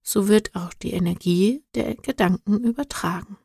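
A woman reading a storybook, voicing a calm, patient male guide who explains things gently. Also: mid-range voice, moderate pace, creaky, breathy edge, dry recording, clean studio sound.

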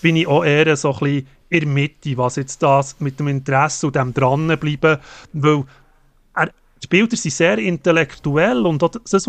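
A man, co-hosting a casual film review podcast, talking haltingly with many fillers and restarts. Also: a little high, dry recording. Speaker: podcast co-host.

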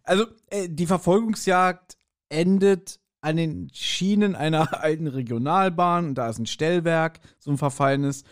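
Co-hosting a podcast, a man muses somewhat hesitantly in casual conversation about an audio drama. He speaks at a normal speed in a slightly high voice that is clear and resonant.

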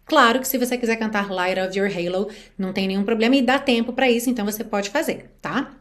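A Brazilian woman with a slightly high voice teaches English pronunciation. She explains each sound patiently and repeats the words slowly and carefully. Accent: Brazilian Portuguese. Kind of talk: pronunciation lesson.

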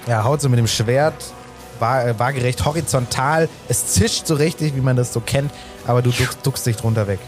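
A man's voice: mid-range voice, moderate pace, faint music behind. Playfully ironic man running a tabletop game. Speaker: game master. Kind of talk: improvised narration of a tabletop game.

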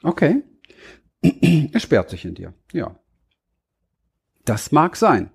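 A man who trains coaches, giving a motivational talk straight to the listener, slow and deliberate, checking in with short tag questions. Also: on the high side, huge pitch swings, vocal fry, breathy edge. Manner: addresses listener directly, frequent tag questions.

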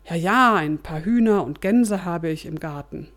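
A woman's voice: lowish voice, lively intonation, measured pace. A woman voicing a pious, troubled man who pleads and complains about his cramped home. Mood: pleading, complaining.

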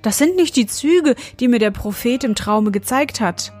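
A woman voicing a passionate royal mother in a read-aloud fairy tale, her lines pitched higher and exclaimed. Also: a little fast, warm tone, faint music behind, close to an everyday voice. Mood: impassioned. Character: passionate queen mother, sultana.

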